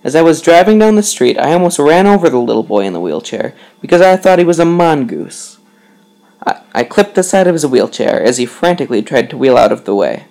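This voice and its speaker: A man telling a dark comedy story in the first person, deadpan and matter-of-fact. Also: on the high side, fairly quick, creaky, low-quality recording. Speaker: comic storyteller.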